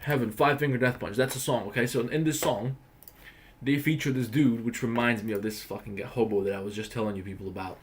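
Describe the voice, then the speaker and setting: Young male livestream host from Croatia, mid-range voice, blunt and profane, animated storyteller. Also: mid-range voice, fast, a little hiss or hum. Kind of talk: casual livestream rant.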